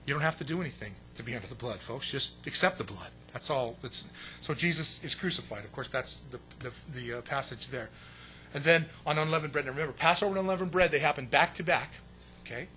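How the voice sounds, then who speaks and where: A man preaching a sermon with emphatic delivery, swinging between loud stressed phrases and hushed asides. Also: medium pitch, quick pace, a little hiss or hum. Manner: acts out quotes in a raised voice. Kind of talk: sermon teaching.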